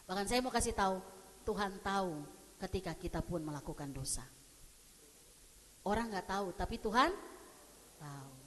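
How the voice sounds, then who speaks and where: A woman's voice: mid-range voice, expressive, normal speed, pauses often, a bit bright. A woman pastor preaching a sermon in a conversational, humorous way, often asking the congregation questions. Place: church sanctuary. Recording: long church hall reverb.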